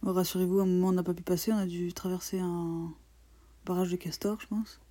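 Teasing young woman, warm voice. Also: on the low side, level tone, brisk. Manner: teasing, sarcastic banter. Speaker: podcast co-host. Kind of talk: casual travel chat.

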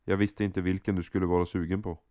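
Brief: man voicing a tender, teasing boyfriend with a low, mellow voice. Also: level tone, no room sound, lightly acted. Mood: playful. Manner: soft, affectionate and playful. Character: caring young boyfriend, gentle and teasing. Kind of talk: amateur audio drama acting.

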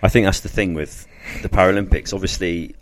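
Deep-voiced man hosting a jokey podcast. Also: fairly even intonation, a little fast, a little hiss or hum. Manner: jokey, laughs often, rambling with restarts. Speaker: podcast host. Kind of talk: casual podcast chat.

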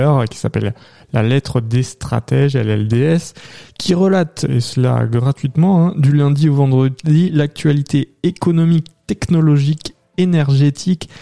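On an economic news podcast, the male host goes through the press review in a relaxed manner, hesitating often. His voice is on the high side yet very dark and gravelly. The recording is dry and close, with no echo or sense of a room.

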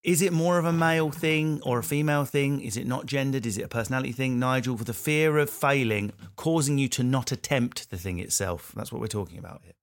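A man from Southend, hosting a casual discussion in a blunt, animated way and swearing freely. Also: mid-range voice, a little fast, few pauses. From Southend, England. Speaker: podcast host.

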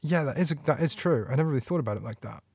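A man's voice: medium pitch, expressive, rapid-fire, creaky, a little mellow, slightly rough, dry recording, studio quality. A man chats casually as an interviewer, in an informal conversational way.

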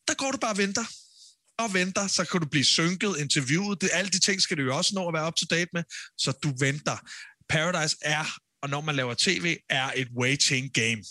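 Emphatic bright-voiced man on a podcast. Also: a little high, no room sound. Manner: animated, gets loud and emphatic when ranting. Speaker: podcast co-host, former reality show contestant. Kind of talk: casual podcast chat.

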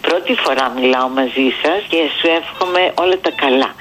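A man's voice: medium pitch, a bit bright. A man calling a radio show, affectionate and full of pet names. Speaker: caller. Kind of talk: call-in chat.

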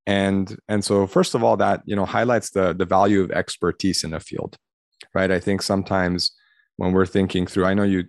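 Earnest deep-voiced man. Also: no room sound, clean studio sound. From Los Angeles, USA. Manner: earnest, reflective, many "you know" fillers. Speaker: podcast guest, admissions consultant. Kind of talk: conversational interview answer.

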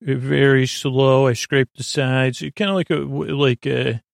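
A creaky-voiced man, host of a bedtime story podcast, rambles soothingly in a lulling, gently whimsical sleep monologue, stammering, pausing, and trailing off into tangents. His medium-pitched voice keeps a fairly even intonation. The sound is clean studio audio with no echo.

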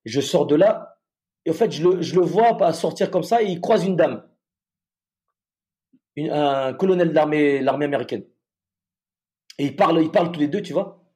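Halting, dark-voiced man telling a story. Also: a little high. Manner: halting, with many repeated restarts. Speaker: soldier. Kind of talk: emotional personal storytelling.

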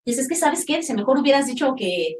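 A middle-aged Mexican woman with a high voice rushing through an indignant story in casual podcast chat. The sound is roomy and echoey, with the mic a little far off. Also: lively intonation, a little hiss or hum. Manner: indignant, quick retelling of dialogue. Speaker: podcast co-host. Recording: roomy echo, distant mic.

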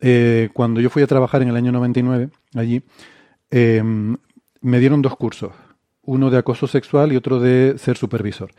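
A man from Spain with a mellow, warm voice speaks as co-host in a casual debate. He tells his story at a measured pace with many fillers, and his voice sounds dry and close to the mic. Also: medium pitch, no echo. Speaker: podcast co-host.

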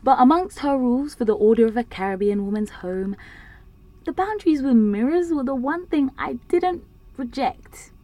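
A young adult woman with a high voice performs an audio drama monologue as an anxious, wry young woman, speaking at normal speed in a London British accent. She's candid, conversational, self-mocking, sweary, and animated, with a reflective, uneasy mood. The audio is poor.

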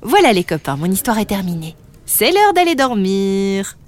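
A woman's voice: medium pitch, sing-song, moderate pace, a little hiss or hum, natural voice. A woman voicing a kindly, cheerful storyteller ending a tale for children.

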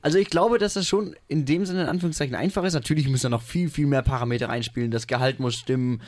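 A man's voice: medium pitch, quick pace, dry recording. A man co-hosting a podcast in casual chat, reeling off numbers and dropping dry jokes. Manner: dry joking, reels off stats. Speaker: podcast co-host.

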